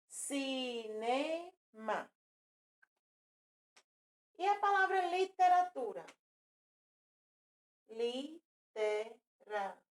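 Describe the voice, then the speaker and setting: A woman's voice: sits high, a little mellow. A woman teaching a children's lesson, patiently repeating words and counting syllables aloud. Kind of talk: recorded classroom lesson for children.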